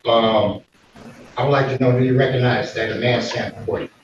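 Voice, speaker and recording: A man's voice: mid-range voice, steady tone, a little fast, distant mic, a little hiss or hum. A man standing as defendant in court, insistent and argumentative, heard on a courtroom recording. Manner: insistent, argumentative, repeats himself. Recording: dull, echoey courtroom audio from afar.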